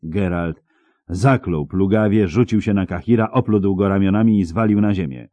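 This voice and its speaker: Very deep-voiced male audiobook narrator. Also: normal speed, dark tone, no room sound, muffled recording. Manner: dramatic, vivid storytelling.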